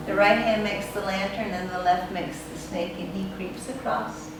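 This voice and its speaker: Woman, movement class instructor, short measured phrases, unhurried guidance, heavily echoing room, clear background music. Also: mid-range voice. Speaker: tai chi instructor. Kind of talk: step-by-step guided movement instruction. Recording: very echoey room, distant mic, music behind.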